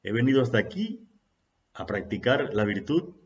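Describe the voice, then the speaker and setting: A man's voice: medium pitch, very animated, normal speed, muffled recording, lightly acted. A man voicing a distressed young male disciple who asks a spiritual master questions in a pleading, exasperated tone. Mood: anxious, exasperated. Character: anxious young male disciple, impatient seeker.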